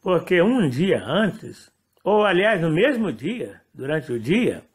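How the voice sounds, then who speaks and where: A man, a pastor with a Brazilian Portuguese accent, telling a personal testimony in a rambling way and correcting himself as he goes. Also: slow. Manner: rambling, self-correcting storytelling with lively pitch swings. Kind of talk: testimony sermon.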